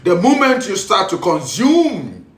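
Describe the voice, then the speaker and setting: A man's voice: sits high, big pitch swings, unhurried, a bit bright. A man with a Ghanaian accent giving a spiritual teaching talk, preaching in a repetitive way as he switches between Twi and English. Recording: roomy echo, voice from a distance.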